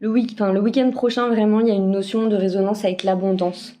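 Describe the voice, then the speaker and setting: A woman's voice: mid-range voice, fairly even intonation, fast talker, dark tone. A woman giving a casual weekly spiritual card forecast, hesitant, with many fillers and restarts, recorded on a phone. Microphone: phone camera.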